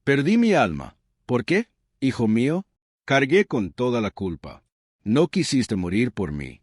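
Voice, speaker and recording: A man's voice: low voice, huge pitch swings, moderate pace, a little mellow, no echo, studio quality. A man voicing a grief-stricken mother, lamenting in a raised, sobbing voice.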